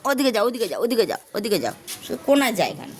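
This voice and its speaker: High-voiced woman coaxing pet birds. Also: big pitch swings, quick pace, noisy background. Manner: sing-song repeated coaxing calls. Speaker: person calling and tending pet birds. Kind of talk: casual coaxing talk to birds.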